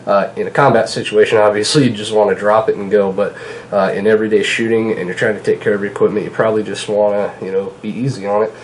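Hosting a gun channel, a thirtysomething man talks fast and casually from his home kitchen in a casual product vlog, his fairly low voice nasal from a cold. Relaxed and chatty, he fills his rambling with "uh" and "you know". A camera across the table catches poor audio and faint room hum.

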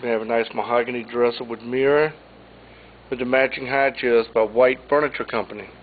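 A man with a steady tone and medium pitch gives an informal walkthrough, naming auction items plainly and unhurriedly, one by one. The sound is tinny and phone-like, with faint hiss.

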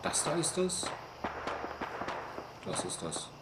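A man giving live gameplay commentary, talking to himself and jumping into shrill bursts of panic. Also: takes it slowly, heavy background noise. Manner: excitable, talks to himself, jumps up to shrill panic. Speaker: let's play host.

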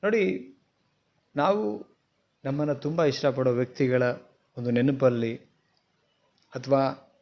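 A man with a Kannada accent gives a motivational talk straight to camera. He is earnest and keeps asking his viewers questions. His middle-pitched voice comes through a cheap, dull-sounding home mic. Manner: earnest, questions the viewer, mixes in English words. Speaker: motivational speaker. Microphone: simple mic, not professional.

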